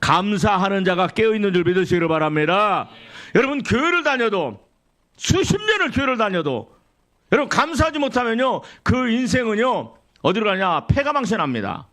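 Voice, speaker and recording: Male pastor, high voice, middle-aged, sermon, questions and answers with the congregation, church sanctuary. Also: very animated, moderate pace, a bit bright. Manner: quotes scripture and acts out complaining believers.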